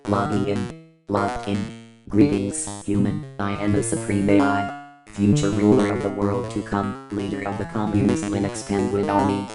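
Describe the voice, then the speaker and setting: A text-to-speech robot voice playing a cold female villain supercomputer, formal and flat in its delivery. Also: extremely low pitch, low-quality recording. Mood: booting up. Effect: synthetic text-to-speech robot voice. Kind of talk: comedic text-to-speech video skit.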